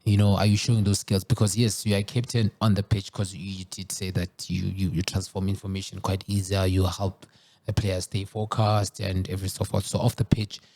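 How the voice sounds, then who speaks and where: Deep gravelly host. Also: male voice, a little fast. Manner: chatty, repeats words, lively interjections. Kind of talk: casual interview.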